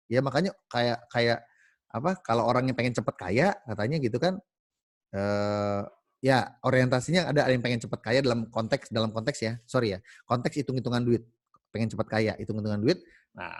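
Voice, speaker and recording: A man speaks casually to his team, telling a story in an animated way. He keeps pausing on fillers and correcting himself mid-sentence. His voice is mid-pitched and the sound is dry and close. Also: no echo. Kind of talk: casual storytelling talk to colleagues.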